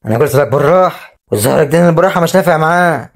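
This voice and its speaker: A man with an Egyptian accent voicing a bossy, impatient grown man in an animated drama, ordering the family out of the room. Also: a little high, rapid-fire. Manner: commanding. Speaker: voice actor.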